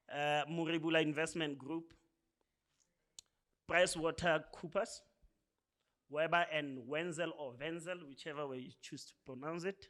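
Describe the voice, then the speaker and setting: A South African man speaks to a room at a launch event. His voice sits a little high and his delivery is loose and conversational. He keeps nudging the audience along with a quick "right?". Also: a bit bright. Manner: conversational, often tags lines with "right?". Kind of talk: speech at a programme launch.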